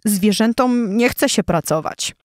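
A woman's voice: medium pitch, unhurried, dry recording, natural voice. Brief: pompous male lion king, scornful and blustering, read by a woman, dry close sound. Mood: sheepish. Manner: scornful, blustering, later awkward and hesitant.

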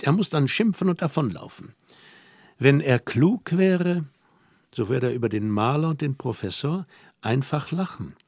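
A man reading a literary novel aloud in a measured, expressive way, recorded close on a studio mic. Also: on the high side, breathy edge, dry recording. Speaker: audiobook reader.

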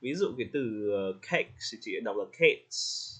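A man coaching English pronunciation in casual spoken feedback, friendly, slowing down to demonstrate words and laughing lightly. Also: fairly low pitch, lively intonation, fairly bright tone, slightly rough. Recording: slightly dull lo-fi audio.

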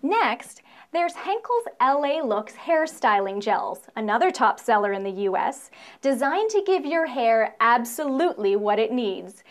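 A young woman with a high-pitched voice presents a scripted corporate promo. She sounds upbeat and playful, with a salesy push on the product lists. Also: big pitch swings, a little slow.

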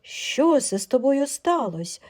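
A woman voicing a frightened village wife who cries out in shrill panic. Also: big pitch swings, slow pace, darkish tone, heavily acted. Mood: bewildered.

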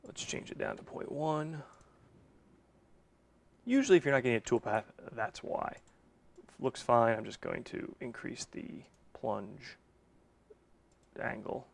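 A gravelly, animated man in his thirties speaks at medium pitch and a measured pace, pausing often. As a machine shop owner and video host, he talks through a job in his shop in an easygoing teaching style, thinking aloud and correcting himself mid-task.

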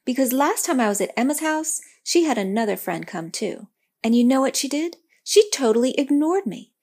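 A woman's voice: sits high, sing-song, normal speed, a little mellow, slightly rough, pitched above the performer's own voice, exaggerated voice. Woman doing an indignant little girl. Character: upset young girl, indignant and stubborn.

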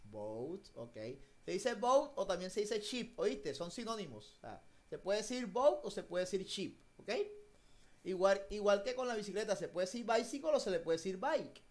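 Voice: mid-range voice, very animated, normal speed, a little mellow. A teacher running an online English class for children, switching between Spanish and English, patient and encouraging as they coax each child by name.

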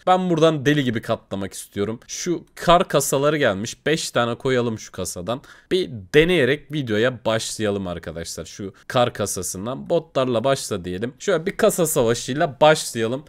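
Excitable young man doing game commentary. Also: medium pitch. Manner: excitable, swears in frustration, addresses viewers. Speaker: gaming video host. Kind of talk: casual gaming commentary.

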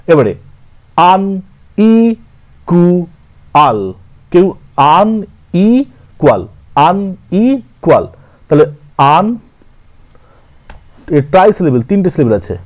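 Slow, lively Bengali-accented male teacher. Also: high voice. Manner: slow, counting aloud and correcting himself. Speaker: literature teacher. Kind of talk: scanning verse syllable by syllable.

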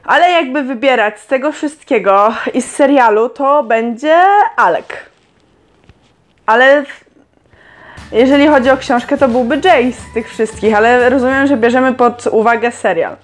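A woman's voice: fairly high pitch, normal speed, faint music behind. A young woman casually reading quiz questions aloud and answering them with chatty, sarcastic comments. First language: Polish. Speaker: vlogger.

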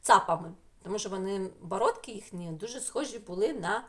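A woman teacher from Ukraine giving a remote lesson to small children, talking slowly in a sing-song way and drawing out single sounds. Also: mid-range voice. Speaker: preschool teacher.

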